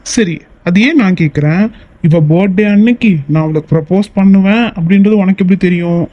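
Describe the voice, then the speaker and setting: A man's voice: high-pitched, brisk, dry recording, dull audio, close to an everyday voice. A man voicing a protective young male lover in a cartoon, stern and questioning.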